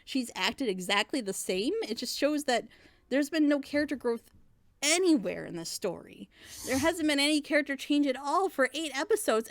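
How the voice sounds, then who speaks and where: A woman with a high-sitting voice gives a casual, opinionated critique of an episode, sounding blunt, exasperated and sarcastic. She's a reviewer on a group reaction show, recorded with studio quality and no room sound.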